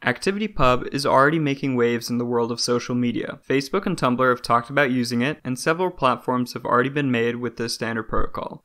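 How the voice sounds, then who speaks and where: A man giving scripted narration for an explainer video in an even, measured way. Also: medium pitch, clear, resonant tone.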